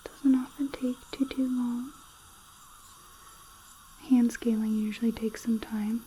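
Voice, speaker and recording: A woman whispering softly in an ASMR roleplay as a dental hygienist, slow and reassuring, often checking in with a gentle "okay?", close to the mic. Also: on the high side, steady tone, slight background noise, rough recording. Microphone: close sensitive mic.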